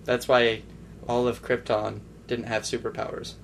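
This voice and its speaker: A man's voice: medium pitch, level tone, a little slow, creaky, slight background noise. A man co-hosting a casual podcast, listing bad movies and giving brief, matter-of-fact replies. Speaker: podcast co-host. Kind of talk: casual chat about movies.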